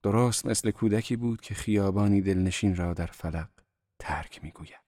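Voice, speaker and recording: A man narrating a novel in a measured, literary reading style on a close mic. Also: on the low side, warm tone, dry recording. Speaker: audiobook narrator. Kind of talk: scripted narration.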